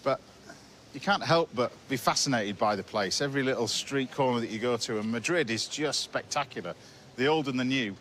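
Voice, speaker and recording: A chef and TV host talks to camera on a busy city street, casual and enthusiastic, tossing in chatty asides about food. His medium-pitched voice is a bit bright and fairly quick. Street noise comes through the outdoor location sound.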